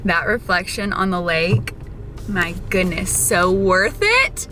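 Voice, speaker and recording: A woman's voice: on the low side, lively intonation, slow, bright, forceful tone, a little hiss or hum. Upbeat chatty young woman vlogger. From Florida, USA. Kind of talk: casual vlog chat.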